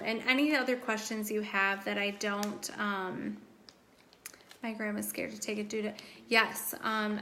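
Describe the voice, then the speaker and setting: A woman's voice: mid-range voice, bright, forceful tone, a little hiss or hum. A woman hosting a casual live stream Q&A, chatty and enthusiastic with lots of fillers, her voice starting to give out. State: losing her voice. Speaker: live stream host promoting a wellness drink.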